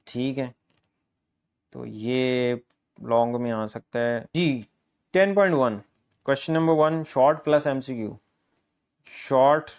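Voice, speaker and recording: A brisk, encouraging man leading a math lesson, his talk tinged with a Punjabi-influenced Urdu accent. His voice sits at an ordinary male middle pitch, and he ticks through question after question with quick repetition. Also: a little mellow. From Pakistan. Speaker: math teacher. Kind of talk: exam guess paper walkthrough.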